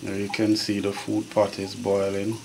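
A Jamaican man hosting a casual home cooking vlog, talking viewers through each step in his kitchen with a relaxed manner. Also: fairly low pitch, normal speed, a little hiss or hum. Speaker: home cooking show host. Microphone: phone camera held over the stove. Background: pots boiling and sizzling.

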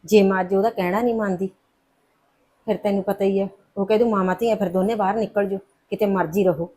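A woman's voice: a little high, a little fast, darkish tone, natural voice. A woman playing a worried Punjabi mother. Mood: coaxing. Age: middle-aged. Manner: scolding then coaxing. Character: worried mother torn between son and daughter. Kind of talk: Punjabi short film acting.

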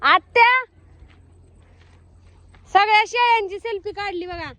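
A woman's voice: high-pitched, animated, moderate pace, fairly bright tone, dry recording, dull audio. A young woman with a rural Marathi accent, chatting as she films her farm vlog outdoors on a handheld phone, calling out to animals and family. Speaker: vlogger.

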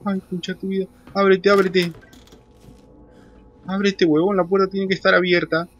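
A man's voice: high voice, level tone, moderate pace, lo-fi sound. A man playing a horror game, commenting casually and swearing a lot, shrieking in panic when scared. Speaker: gamer. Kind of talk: horror let's play commentary.

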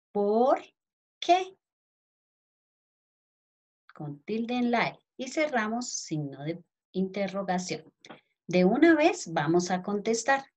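A primary school teacher with a Colombian Spanish accent dictates a lesson word by word to young children, spelling out letters and calling the pupils affectionately. Her voice is medium-pitched with a darkish tone.

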